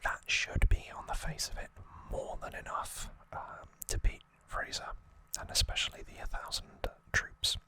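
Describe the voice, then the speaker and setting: An unhurried ASMR recap comes from the creator hosting it, explained informally in a whisper. That soft, unvoiced whisper holds steady throughout.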